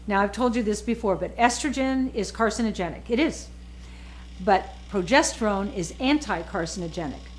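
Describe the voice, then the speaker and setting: This low-quality recording captures a woman in her sixties with a mid-range voice. An author appearing as a guest, she chats casually and emphatically, often repeating words to make her points.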